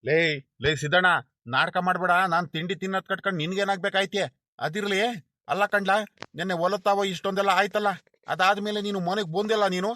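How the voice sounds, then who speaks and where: Man voicing a grumpy high-voiced village landlord. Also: fairly even intonation, a little fast, bright, forceful tone, no room sound, clean studio sound. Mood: scolding. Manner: scolding, grumbling. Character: proud grumpy middle-aged male village landlord.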